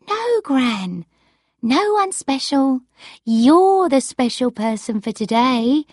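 A woman reading an audiobook, voicing a patient, caring young granddaughter who talks brightly and coaxingly. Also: high voice, sing-song, takes it slowly, dry recording, studio quality, pitched above the performer's own voice, full character voice. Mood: reassuring.

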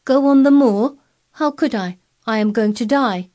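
A woman's voice: mid-range voice, moderate pace, a little mellow, voice pushed up, lightly acted. Woman voicing a fretful sickly boy. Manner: restless, resentful, cross.

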